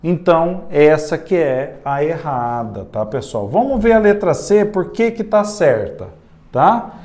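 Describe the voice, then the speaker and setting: A man with a Brazilian Portuguese accent teaches an exam-prep grammar class in a fairly high voice. He talks at an unhurried pace and keeps checking in with his students. He stretches words out slowly, syllable by syllable. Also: very animated, darkish tone.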